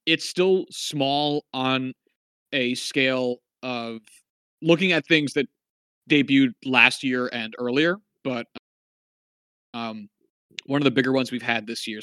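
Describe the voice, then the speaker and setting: A man's voice: medium pitch, pushed and bright, smooth, dry recording. A man co-hosting a casual film review chat, rambling with lots of fillers and wry asides. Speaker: podcast co-host.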